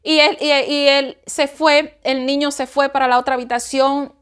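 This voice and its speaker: A woman's voice: high-pitched, little pitch movement, moderate pace, fairly bright tone. A woman giving an emotional personal spiritual testimony, often repeating herself and acting out her own cries for help. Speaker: testimony speaker.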